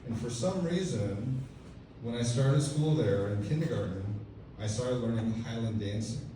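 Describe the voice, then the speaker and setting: A Texas man in his fifties does a stand-up set on a comedy club stage, telling dry, self-deprecating stories packed with casual fillers. His voice is medium-pitched and dark, at a moderate pace. A distant mic gives echoey club audio with slight background noise and audience laughter.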